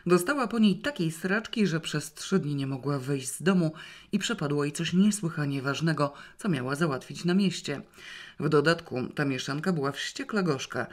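An audiobook reader telling a novel in the first person. The storytelling is wry and lively, moving easily between narration and dialogue. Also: mid-range voice, moderate pace.

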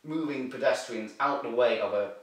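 A man hosting a casual movie review chat, talking excitably and rambling with lots of filler words. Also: medium pitch, normal speed. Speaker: host. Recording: echoey room, distant from the mic.

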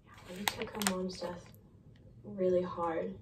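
A woman's voice: fairly low pitch, flat delivery, unhurried, far from the mic, slight background noise, natural voice. An actress playing a caring young woman who comforts her friends in a TV drama. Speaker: character in a TV drama. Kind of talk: scripted TV drama acting. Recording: TV audio heard from across a roomy space.

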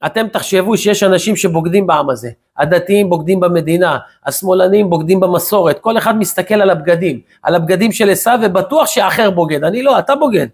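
A rabbi delivering a sermon, telling a story with lively animation and slipping into his characters' voices. His voice is high for a man and has a husky, breathy grain. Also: hardly any pauses. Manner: animated storytelling, acts out quotes.

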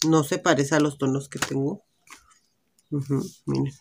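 A woman's voice: extremely low pitch, steady tone, normal speed, creaky, darkish tone, slight background noise. A woman with a Mexican accent, chatting casually and thinking aloud while she tries on lipsticks at home. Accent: Mexican Spanish. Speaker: beauty vlogger. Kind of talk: casual lipstick try-on vlog. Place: indoors at home, natural light.

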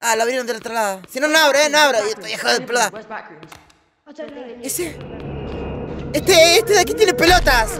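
A man giving casual, excitable commentary while playing a VR game, laughing often and shouting at the game. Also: very high-pitched, moderate pace, long pauses, over music. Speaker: gamer.

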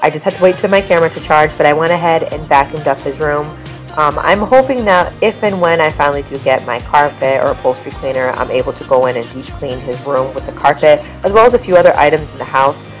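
A woman in her thirties chatting casually as she narrates her cleaning, practical and relaxed. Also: low voice, quick pace, faint music behind. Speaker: cleaning vlogger.

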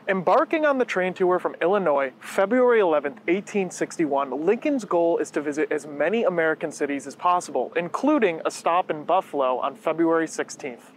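A man hosting a museum history program, giving scripted narration in a clear, measured presenter's delivery. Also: a little high, lively intonation, slight background noise.

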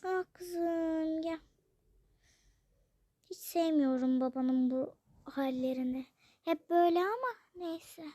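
A child doing a soft-spoken, anxious mother who soothes her daughter in a toy role-play game. She talks slowly and quietly in a very high voice, recorded close and dry. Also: no room sound. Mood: soothing. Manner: soft and soothing, often hushed. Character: gentle worried mother comforting her daughter.

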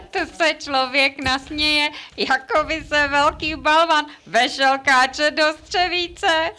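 A woman playing a vain, mocking young sister in a rhymed puppet play, with a squeaky puppet voice. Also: bright, forceful tone.

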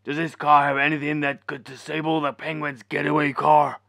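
A man playing Batman as a gruff, blustering and clueless superhero with a gravelly voice. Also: on the high side, flat delivery, normal speed, fairly bright tone, no room sound, clean studio sound.

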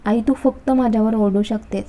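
A woman's voice: on the high side, steady tone, normal speed, dark tone, close to an everyday voice. Woman reading as Ditya, blunt young sister. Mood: angry. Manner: blunt, scolding. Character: outspoken young woman, sharp-tongued sister.

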